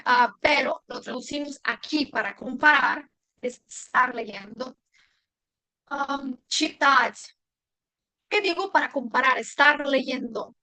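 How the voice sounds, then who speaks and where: A woman teaching a language lesson, patient, repeating words slowly and clearly. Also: sits high, sharp tone, dry recording, rough recording.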